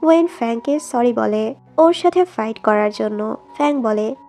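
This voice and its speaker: A woman narrating a drama plot in a steady storytelling read, quoting each line of dialogue. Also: on the high side, measured pace, faint music behind.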